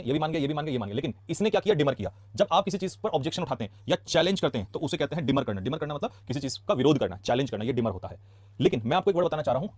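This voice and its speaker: Rapid-fire Indian man teaching vocabulary. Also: a little high, a little mellow, no echo. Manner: rapid, chatty, asks quick questions then answers them. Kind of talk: casual classroom lesson explaining words.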